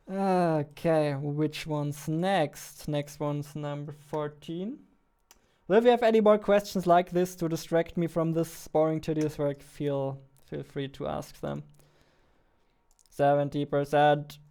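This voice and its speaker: A game developer in his twenties chats casually on a live stream, informal and self-deprecating. His fairly high, mellow voice comes through cleanly on a close studio mic mounted on a boom arm.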